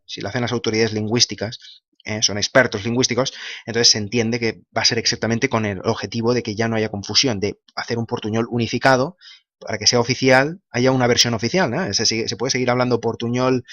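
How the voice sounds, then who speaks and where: Fast-talking man musing aloud. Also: medium pitch, fairly bright tone, no room sound. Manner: thinks aloud with many tag questions. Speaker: video blogger answering comments. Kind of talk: casual monologue. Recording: slightly dull lo-fi sound.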